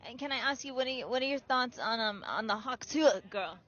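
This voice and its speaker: A woman's voice: a little high, animated, brisk, a bit bright, dull audio. A woman running a comedy street interview, gushing and teasing as she asks questions.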